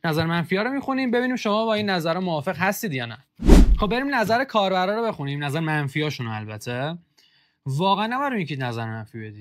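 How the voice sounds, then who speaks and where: A young man hosting a casual football kit review, joking and sarcastic as he reads out comments. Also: a little high.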